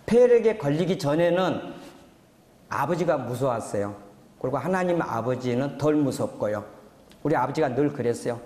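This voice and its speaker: A man's voice: medium pitch, big pitch swings, moderate pace, darkish tone. A man in his sixties, a pastor, telling his testimony in a sermon, earnest and rising into fervent exhortation. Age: 60s. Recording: reverberant church hall.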